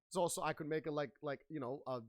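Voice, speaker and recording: Fast and on the high side, a male podcast host banters in a playful, slangy, hyped-up way during a casual chat. Lingering sinus trouble leaves his voice somewhat nasal and stuffed up.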